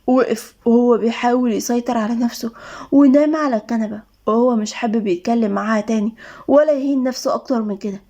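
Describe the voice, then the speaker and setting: A woman with an Egyptian accent narrating a romance story in a steady, dramatic way. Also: fairly high pitch, fast talker. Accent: Egyptian Arabic.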